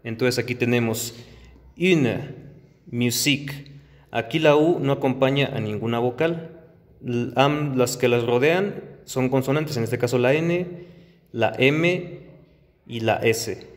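A man teaching pronunciation slowly and carefully, demonstrating each sound. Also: mid-range voice. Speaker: language teacher. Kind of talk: slow pronunciation lesson. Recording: long reverb with faint background noise.

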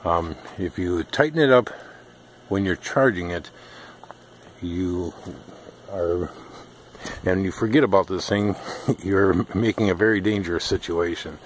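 Low-voiced guy showing off his diy rig outside, slow and easygoing, faint outdoor hiss. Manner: unhurried, many ums, explains while filming. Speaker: off-grid DIY vlogger. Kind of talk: casual how-to walkthrough. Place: outdoors at an off-grid rural homestead in woods.

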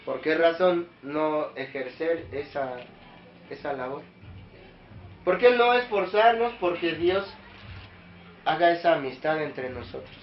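High-voiced preacher in an echoey room. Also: male voice, animated, takes it slowly, pauses often, faint music behind. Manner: questions the congregation directly, rising to emphatic peaks. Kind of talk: sermon to a small congregation. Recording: echoey room, dull lo-fi sound.

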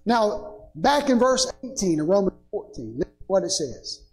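High-voiced slow preacher man. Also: sing-song, poor audio. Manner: preaching with rising emphasis, calling "Amen?" to the congregation. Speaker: pastor. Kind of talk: sermon. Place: church sanctuary.

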